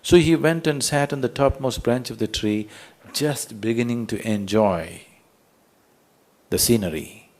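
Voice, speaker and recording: A man's voice: mid-range voice, measured pace, darkish tone. Emphatic man asking rhetorical questions. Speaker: spiritual teacher. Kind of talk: spiritual talk to an audience.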